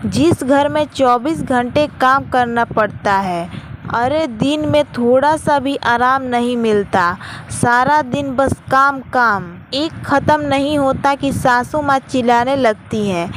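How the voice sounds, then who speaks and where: A woman's voice: sits high, takes it slowly. A woman voicing a weary, resentful young married woman who complains about her in-laws. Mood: bitter. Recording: noisy with traffic outside.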